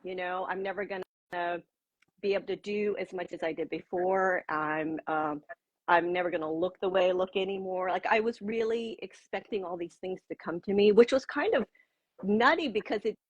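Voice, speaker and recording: A woman's voice: lowish voice, normal speed, husky, dry recording, muffled recording. A woman in her sixties talking casually as an interview guest on a video call, chatty and loose with fillers. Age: 60s. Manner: chatty, with frequent fillers and laughs. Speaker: guest, pro-age blogger.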